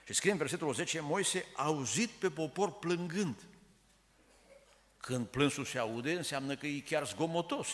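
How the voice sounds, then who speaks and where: A man's voice: on the high side, fairly bright tone. Emphatic male preacher in echoey church. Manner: emphatic, rhetorical questions. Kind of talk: sermon. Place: church sanctuary.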